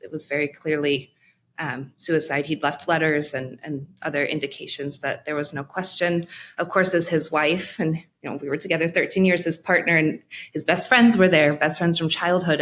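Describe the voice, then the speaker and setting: This guest, a female mental health practitioner, recounts something from her own life during an interview, her speech halting and thoughtful with many pauses and fresh starts. She sits low in pitch with a fairly bright tone.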